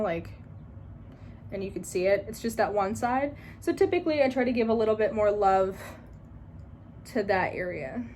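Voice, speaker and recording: Young woman, twenties, chatty skincare tutorial, rambling with fillers, mid-pitched voice, faint background hiss. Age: 20s. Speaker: beauty vlogger.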